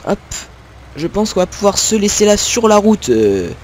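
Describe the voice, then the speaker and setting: Chatty and rambling, this young man from Picardy, northern France, narrates his gameplay with lots of fillers, hesitations and self-directed laughs. He speaks through a desktop mic in a fairly high, sing-song, slightly mellow voice at a moderate pace, while a tractor engine hums faintly behind him.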